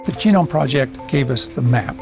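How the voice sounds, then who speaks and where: A man's voice: medium pitch, lively intonation, normal speed. A man who is a cancer researcher, explaining his work directly in an interview. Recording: music underneath. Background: music.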